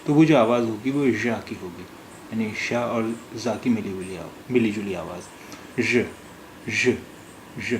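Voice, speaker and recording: A man teaching a recorded language lesson, pronouncing words slowly and carefully, repeating each one with many hesitant pauses. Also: on the low side, a little hiss or hum. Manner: slow, careful pronunciation drills with many hesitations.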